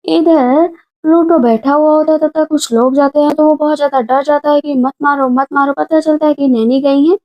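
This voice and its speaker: Give me a high-pitched woman casually narrating a movie recap, muffled and lo-fi. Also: steady tone. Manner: retells scenes briskly, reading characters' lines in her own voice. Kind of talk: casual plot-retelling narration.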